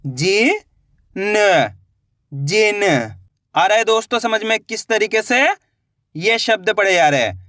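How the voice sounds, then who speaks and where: A man's voice: high voice, normal speed, pushed and bright, dry recording, studio quality. A man teaching beginners to read, sounding out each syllable and then joining them into a whole word, and urging viewers to try on their own. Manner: addresses viewers as friends and coaxes them to try. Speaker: Hindi reading teacher. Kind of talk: online reading lesson.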